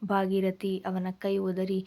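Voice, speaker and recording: A woman reading a serialized romance novel aloud as a storyteller, in an even, steady delivery. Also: medium pitch, takes it slowly, creaky, a little hiss or hum.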